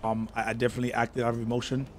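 A drunk man streams improvised role-play on a studio microphone. He speaks earnestly and haltingly, searching for each phrase, with some noise behind him. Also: mid-range voice, monotone. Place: indoor streaming room. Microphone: boom-arm studio microphone.

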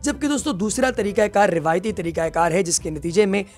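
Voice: medium pitch, lively intonation, fast talker. A narrator reads a scripted documentary voice-over, explaining step by step and often addressing the listeners as friends. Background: faint background music.

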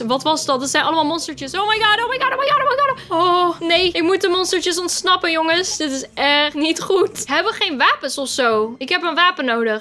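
A young woman doing lively let's play commentary, excitable and reading game dialogue aloud. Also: sits high. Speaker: gaming YouTuber.

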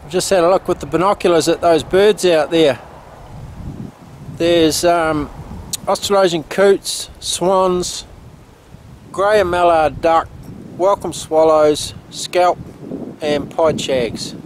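A man's voice: fairly high pitch, slow pace, pauses often. New man, windy outdoor vlog. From New Zealand. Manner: relaxed, explanatory, plain-spoken. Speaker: photographer vlogger. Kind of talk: casual vlog narration. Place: outdoors by a lake and canals, windy. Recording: outdoor wind noise on camera mic. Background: wind noise.

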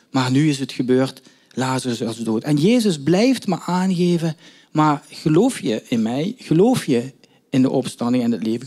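A man's voice: on the high side, a little mellow. A male preacher telling a story in a sermon, with emphatic questions and thoughtful hesitations.

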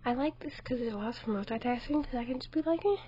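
High-voiced woman with a sore throat. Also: fast talker, dark tone, highs cut off. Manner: chatty, mild exclamations, talks to herself. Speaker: gameplay video host. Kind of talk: let's play commentary.

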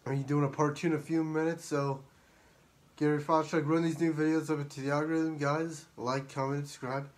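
A man's voice: fairly high pitch, flat delivery, fairly quick. A man reviewing drinks in a casual vlog, rambling and upbeat, repeating his sign-offs and sometimes out of breath. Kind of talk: casual vlog talk to camera.

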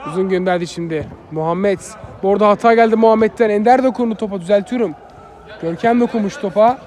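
Male live football commentator, notably high voice, clipped phrases with repeated player names. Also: fast, a little mellow. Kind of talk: live play-by-play commentary of an amateur match.

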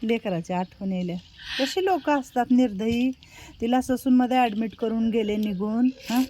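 A woman running an old-age home, gently reassuring a resident, switching between Marathi and Hindi. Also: fairly high pitch, normal speed. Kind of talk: comforting vlog talk.

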